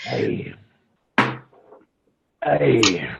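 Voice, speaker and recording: A man's voice: mid-range voice, very animated, very slow, gravelly, dull audio, very noisy. A man joining a casual live-stream chat as a guest over a video call on earphones, laid-back with short easygoing replies.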